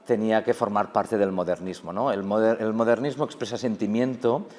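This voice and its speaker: A man, a guest professor, explaining language in a relaxed interview and often checking in with his listener. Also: lowish voice, a little fast, in a large hall. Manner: explanatory, often ends with "¿no?", laughs easily. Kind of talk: casual interview chat. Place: museum hall.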